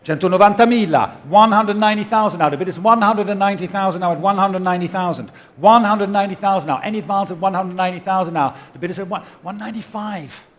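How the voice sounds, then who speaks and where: A man's voice: high voice, fast talker, few pauses. A man working as an auctioneer, calling bids in a repetitive chant at a live auction and switching between languages. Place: auction room.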